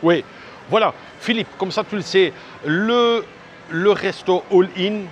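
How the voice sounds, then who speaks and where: A man's voice: high voice, slow. A man talking casually as a travel vlogger, chatty and direct, rambling with lots of fillers and restarts. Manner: chatty and direct, addressing viewers. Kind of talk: casual walking vlog talk. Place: outdoors on a busy seaside street. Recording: street and traffic noise behind.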